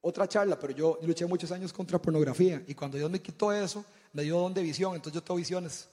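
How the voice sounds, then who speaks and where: A man's voice: on the high side, fast talker, darkish tone, long reverb tail. A man giving a sermon-style testimony talk to a congregation. He tells stories animatedly, often stumbling and repeating words. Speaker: church speaker.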